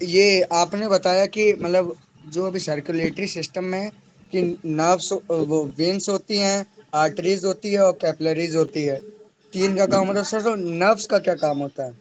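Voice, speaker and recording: A man's voice: sits high, steady tone, moderate pace. A male student hesitantly asking his teacher a question in class. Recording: distant voice with faint noise.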